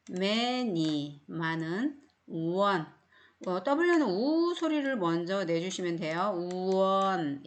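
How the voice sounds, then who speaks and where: A middle-aged woman teaching phonics in a recorded online English lesson, speaking with a Korean accent and explaining each word patiently with many repeats. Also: on the low side.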